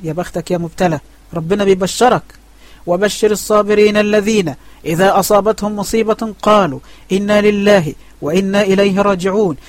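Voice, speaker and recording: A man's voice: high voice, dry recording. A man with an Egyptian accent teaching an online religious lesson. He asks questions and answers them himself. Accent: Egyptian Arabic. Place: online voice chat room.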